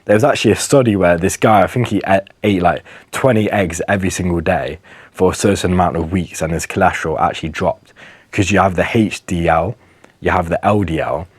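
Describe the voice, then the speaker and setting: Low-voiced young man giving earnest advice. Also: steady tone, brisk, breathy edge, dry recording. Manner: earnest, emphatic, with restarts. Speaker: wellness vlogger. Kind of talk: casual advice monologue to camera.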